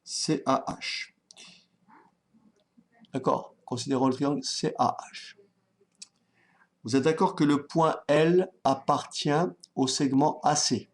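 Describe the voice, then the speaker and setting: A man teaching a maths lesson, calm and patient, thinking aloud as he writes and often checking that his students follow. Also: medium pitch, slow pace, pauses often. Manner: talks directly to students, checks they follow. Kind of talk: online exam-prep lesson.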